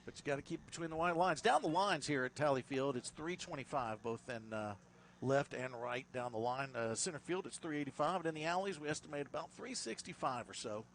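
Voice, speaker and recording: A man doing play-by-play for a high school baseball game, chatty and rising sharply in energy on big plays. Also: a little fast, a bit bright, a little hiss or hum. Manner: chatty, laughs with his partner. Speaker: play-by-play announcer. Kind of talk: baseball commentary.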